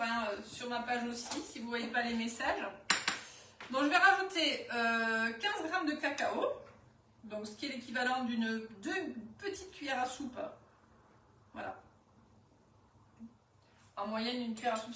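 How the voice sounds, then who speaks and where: A woman's voice: fairly high pitch, sharp tone, reverberant, far from the mic, a little hiss or hum. A woman from southwest France with a Toulouse-area accent, chatting casually and hesitantly as a cookware consultant during a live cooking demonstration. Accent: southwest French, Toulouse area. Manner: chatty, hesitant, many fillers.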